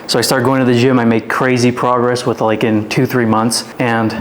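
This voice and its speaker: With a mid-range, level voice at a moderate pace, a Canadian fitness influencer in his twenties recounts his life on a podcast. There's a little hiss or hum in the recording. In this casual interview, he rambles along, leaning heavily on the word "like" and other fillers.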